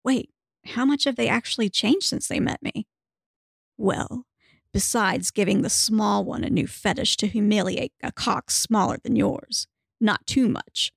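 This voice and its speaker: A woman's voice: mid-range voice, measured pace, vocal fry, husky, no room sound, studio quality. A woman voicing a mischievous female spirit who teases in a casual, offhand way. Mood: teasing. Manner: casual, teasing.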